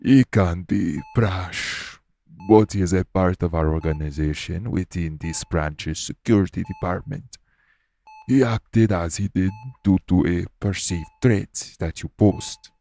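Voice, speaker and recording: In an audio roleplay, a man with a deep voice and vocal fry plays a calm, formal official of a secret organization. He speaks to the listener in a measured, matter-of-fact way.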